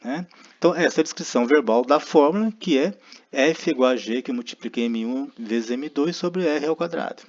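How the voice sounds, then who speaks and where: Brisk and mid-range, this man's voice carries a Brazilian Portuguese accent as he delivers a recorded math lecture. He walks through each step, reasons out loud, and often checks on his listeners with tag questions, all captured on a dull, lo-fi recording.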